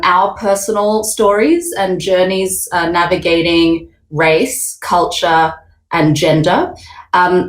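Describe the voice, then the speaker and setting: A woman with an Australian accent hosting a casual online panel talk, relaxed and full of little hesitations. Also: on the low side, reverberant, poor audio. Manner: relaxed, hesitant with many fillers. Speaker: panel host.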